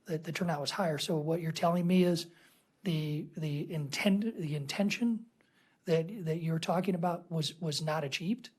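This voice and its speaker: A woman's voice: low-pitched, moderate pace, a little mellow, slightly rough. A woman questioning a witness as a committee member at a formal hearing, pointed and pressing in her delivery.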